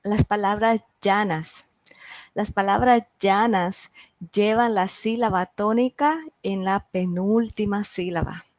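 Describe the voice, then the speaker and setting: A woman teaching a beginners' class online, sounding out each word slowly and clearly for her students. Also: mid-range voice, a little mellow, dry recording. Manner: slow, carefully enunciated word drills. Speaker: Spanish teacher.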